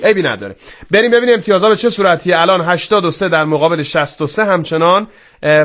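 A man with a high-pitched voice runs a live quiz show on air. He talks briskly, slowing down for scores and rushing through asides, and fills pauses with long drawn-out sounds. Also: fairly bright tone. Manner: brisk, pace swinging from slow to quick. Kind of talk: live broadcast quiz hosting.

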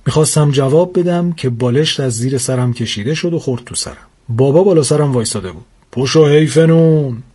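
A man narrating a first-person comic story with wry, deadpan complaints. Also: mid-range voice, slightly rough.

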